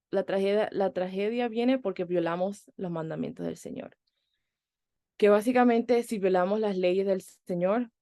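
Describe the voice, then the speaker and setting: A woman teaching a Bible class, reading scripture aloud quickly and then explaining it, with frequent fillers and restarts. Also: mid-range voice, gravelly, dark tone, no echo, clean studio sound.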